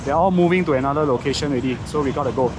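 A man's voice: medium pitch, very fast. A man, chatting casually and with exclamations as he vlogs outdoors. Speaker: motovlogger. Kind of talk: casual vlog chat. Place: outdoors on busy city streets at night. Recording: music behind the voice. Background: music, vehicles, street noise.

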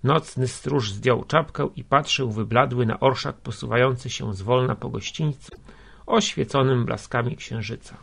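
A man narrating a literary story in a measured, steady way, with a gravelly, husky voice. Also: mid-range voice. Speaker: audiobook narrator.

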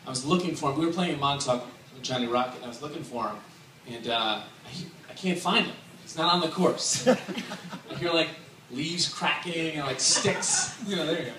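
Filmed from a distance inside a big wedding tent with a dance floor, the recording is echoey and full of crowd noise as guests laugh and cheer. The best man, in his thirties with a slightly high voice, delivers a casual, humorous toast over a handheld mic and speakers, joking, chatting and laughing between lines.

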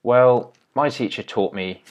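A man's voice: medium pitch, measured pace. A young man teaching chemistry step by step in a patient, explaining way, with small restarts. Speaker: chemistry tutor. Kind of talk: explaining at a whiteboard.

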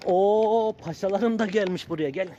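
A man's voice: high-pitched, moderate pace, warm tone, lo-fi sound. A man vlogging outdoors as he feeds street animals, calling them over in a raised sing-song voice and scolding them playfully. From Turkey. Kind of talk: casual vlog commentary. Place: outdoors around his workshop. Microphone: handheld camera. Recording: noisy outdoor recording.

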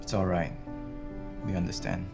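A low male voice plays a calm, helpful career coach. He explains things in a reassuring way, in naturalistic drama style. Music is clearly heard underneath. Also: normal speed. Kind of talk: naturalistic screen drama acting.

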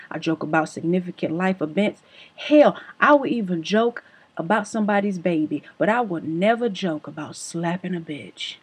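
A woman vlogger telling a comic story in a brash, profane, deadpan manner with a husky voice. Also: on the low side.

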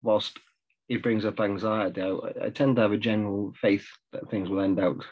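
The home-room webcam makes the sound lo-fi as a middle-aged South African therapist talks at normal speed in a reflective video call group discussion. His pitch is fairly low and his tone darkish, with fairly even intonation, and his speech is hesitant and packed with fillers.

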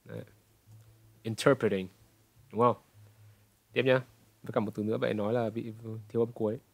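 A man in his twenties from Vietnam, correcting pronunciation and repeating words slowly to demonstrate. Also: mid-range voice, little pitch movement, vocal fry, no echo, soft background music. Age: 20s. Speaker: pronunciation coach. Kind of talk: reaction commentary correcting pronunciation.

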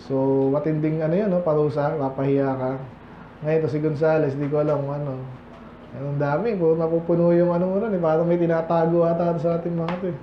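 A man's voice: a little high, flat delivery, fairly quick, a little hiss or hum. A man from the Philippines preaching a Sunday afternoon sermon in a conversational way, quizzing his congregation as he goes. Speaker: pastor. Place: church hall. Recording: echoey, slightly dull church audio.

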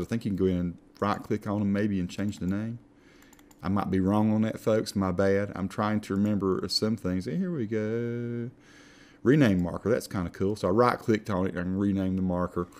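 A man with an Appalachian accent giving a casual, folksy, self-deprecating software tutorial as he talks through each step. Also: lowish voice. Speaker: tutorial instructor.

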